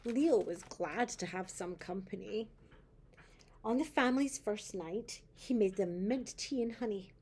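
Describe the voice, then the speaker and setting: A sweet older woman, a grandmother, reading a picture book to a small child in a gentle, grandmotherly way and pointing things out. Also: mid-range voice, expressive, measured pace, husky.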